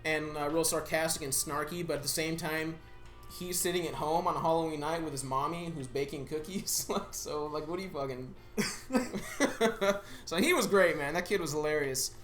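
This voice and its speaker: A man's voice: a little high, moderate pace, fairly bright tone, echoey room, soft background music. A man co-hosting a casual movie review chat, laid-back, swearing often and laughing through his lines. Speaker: podcast co-host.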